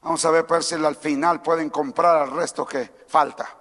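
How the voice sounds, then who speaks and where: A male pastor preaching a sermon, moving between calm teaching and shouted calls to move and praise. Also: fairly high pitch, normal speed, long reverb tail. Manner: swings from quiet teaching to shouted exhortation; mimics timid churchgoers in a small mocking voice. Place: church sanctuary.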